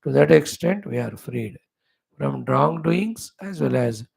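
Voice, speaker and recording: A man with a North Indian accent gives an informal spiritual discourse. His voice is creaky and gravelly, with a soft, mellow tone. He explains as a teacher does, in short broken phrases with checking questions. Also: medium pitch, expressive. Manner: explanatory, halting phrases, checks with "isn't it", slips into Hindi.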